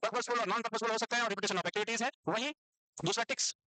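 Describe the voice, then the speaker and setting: Indian guy teaching nursing, high bright voice, dry close sound, dictates stuff word by word and teases the class. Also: steady tone, no room sound, poor audio. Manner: repeats and slowly dictates English definitions, quizzes students; teasing, scolds students playfully. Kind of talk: online class lecture, dictating notes.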